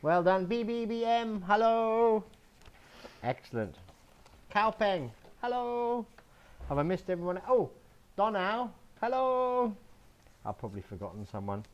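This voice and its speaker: A man from England teaching a slow English lesson to young children, spelling words letter by letter, recorded outdoors in a home garden. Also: high voice, big pitch swings, smooth, highs cut off.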